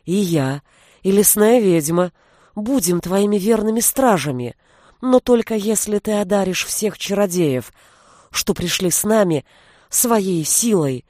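A stubborn, desperate male sorcerer who haggles hard for a deal, put on by a woman reading an audiobook. He coaxes in a low, sly tone and presses his case. The sound is dry and close. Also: no echo. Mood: coaxing. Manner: coaxing, then shouting in despair.

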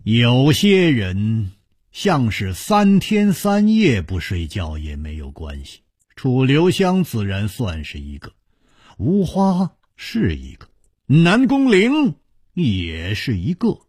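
Male broadcast storyteller, husky, dry close sound, lively expressive telling. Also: mid-range voice, takes it slowly, no room sound. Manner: expressive, dramatic narration.

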